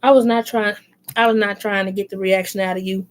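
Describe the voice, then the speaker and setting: A woman's voice: medium pitch, fairly even intonation, fairly quick, natural voice. A woman voicing a hardened female inmate near forty, with a Baltimore accent, sly and taunting. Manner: sly, taunting, then resigned.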